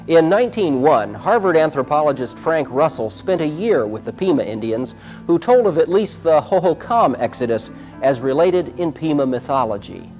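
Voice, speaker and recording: A man giving scripted documentary narration in a measured, explanatory way. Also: on the high side, very animated, darkish tone, soft background music.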